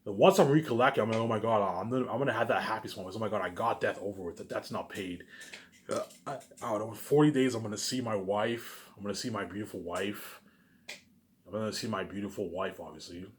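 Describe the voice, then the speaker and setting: In a casual vlog, a man rambles and repeats himself, swearing often and shifting from loud, emphatic bursts to quieter asides. His voice is fairly low and fast, with slight background noise.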